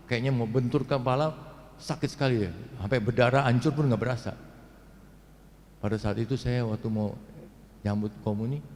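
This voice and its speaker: Animated man preaching in an echoing hall. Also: medium pitch. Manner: animated storytelling, acting out quotes and sounds. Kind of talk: sermon with personal testimony. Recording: long hall reverb.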